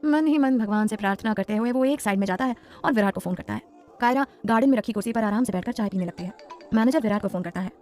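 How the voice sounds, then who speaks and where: Fast-talking woman narrating a drama story. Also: on the high side, darkish tone, faint music behind. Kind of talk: scripted audio story narration.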